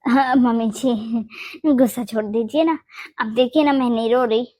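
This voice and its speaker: A woman voicing a young, gentle married daughter-in-law in a Hindi cartoon, talking in a soft, pleading way. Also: fairly high pitch, fairly even intonation, moderate pace, no echo, close to an everyday voice. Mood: soothing. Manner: soft pleading, keeps saying "mummy ji".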